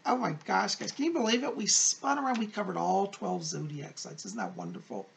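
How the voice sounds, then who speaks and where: A male fortune teller delivers horoscopes to his audience with emphatic encouragement. His voice is heavily creaky and moves up and down in lively swoops. He is effusive and addresses listeners directly. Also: high voice, brisk, slight background noise. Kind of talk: fortune teller's weekly horoscope reading to viewers.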